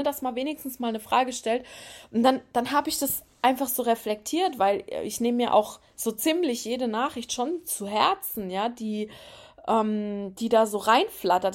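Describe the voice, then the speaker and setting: A woman hosting her own podcast, talking frankly and emphatically with many fillers in a casual monologue. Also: fairly high pitch. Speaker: podcast host.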